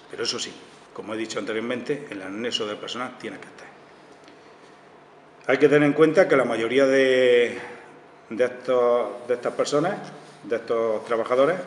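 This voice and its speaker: A man's voice: medium pitch, a little hiss or hum. A man, a town councillor giving a press conference statement, earnest and tagging his sentences with little checks. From Spain. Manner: tags sentences with "vale" and "eh", earnest. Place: town hall press room. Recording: echoey hall with long reverb, faint ambience.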